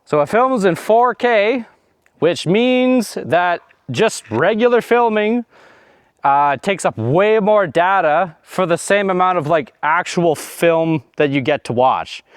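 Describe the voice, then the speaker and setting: A young man vlogging about his homestead talks to his action camera in a snowy yard, a little breathless, rambling through fillers and asides that trail away. His voice is high-pitched, animated and slow, with a clean tone, captured in a dry, studio-quality recording.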